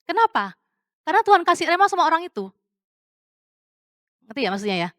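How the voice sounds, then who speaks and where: A woman's voice: very high-pitched, big pitch swings, fast talker, a bit bright, no echo, clean studio sound. A woman preaching a casual, testimony-style sermon, chatty and conversational, dropping English words into her talk and asking the congregation questions.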